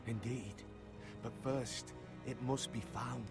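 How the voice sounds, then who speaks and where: An actor playing a solemn, loyal older male retainer and uncle in a video game, speaking in a measured, earnest way. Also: medium pitch, fairly even intonation, vocal fry, music in the background. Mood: grave. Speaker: loyal family advisor.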